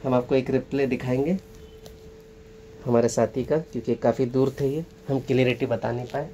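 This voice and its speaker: A man with a mid-range voice walks viewers through an outdoor spot, narrating casually and pointing things out as a tour guide would. He is recorded outdoors beside a waterfall, with a faint wash of rushing water behind him. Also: medium pitch, steady tone, mellow, lo-fi sound, a little hiss or hum. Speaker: travel vlogger. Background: rushing water and outdoor ambience.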